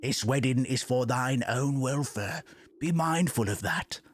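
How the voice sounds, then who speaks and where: A man's voice: mid-range voice, unhurried, slight background noise, natural voice. A man voicing a stern, controlling king and father in a stage play, declaiming pompously in archaic English. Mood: commanding.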